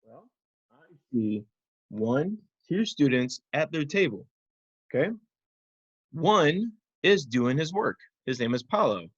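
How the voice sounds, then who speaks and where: A man's voice: a little high, very animated, slow pace, pauses often, breathy edge, no room sound. Man teaching young children, slightly muffled audio. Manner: instructive, simple phrases with check-in questions. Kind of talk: simple interactive children's lesson.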